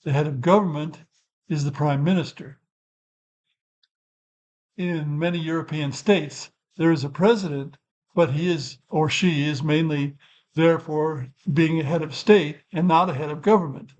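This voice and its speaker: Older man musing, higher-pitched voice. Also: unhurried, a little mellow, lo-fi sound. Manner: rambling and thoughtful, self-correcting asides. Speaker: channel host. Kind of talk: unscripted explanatory talk.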